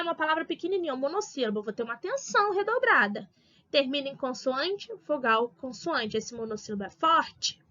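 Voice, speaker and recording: A woman teacher with a Brazilian Portuguese accent, patiently explaining grammar step by step with slow examples. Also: high-pitched, a bit bright, dull audio. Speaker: English teacher. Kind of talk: recorded grammar lesson for adult school.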